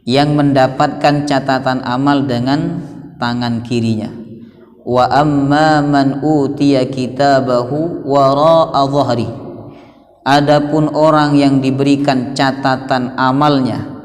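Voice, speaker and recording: A male Quran teacher gives a tafsir sermon in a mosque. He chants Arabic verses slowly and puts rhetorical questions to the congregation. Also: medium pitch. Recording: long reverb of a mosque hall.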